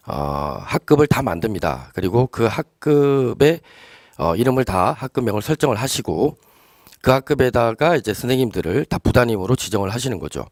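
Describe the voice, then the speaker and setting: A man's voice: mid-range voice, dry recording, clean studio sound. A man answering teachers' frequently asked questions in a live-streamed briefing, explaining step by step with many fillers and hesitations.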